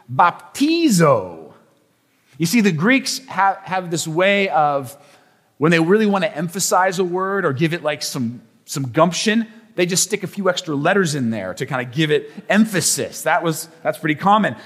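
A man preaches from the pulpit with a high, lively voice that rises and falls as he teaches. He tells stories and drops playful asides to the congregation. The recording carries the long reverb of a church sanctuary. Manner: animated storytelling with playful asides. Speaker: pastor. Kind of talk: sermon.

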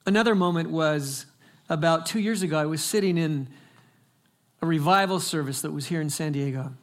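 Older male pastor, slightly raised pitch, dramatic and emphatic sermon storyteller. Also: fairly quick. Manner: emphatic, dramatic storytelling with big swings in volume and pace.

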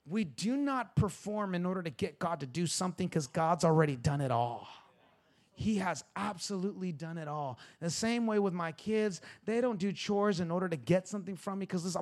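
A man in his forties, a pastor preaching a sermon in a repeating, rising cadence that climbs toward shouting. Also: high-pitched. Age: 40s. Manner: builds to near-shouting, repetitive preaching cadence.

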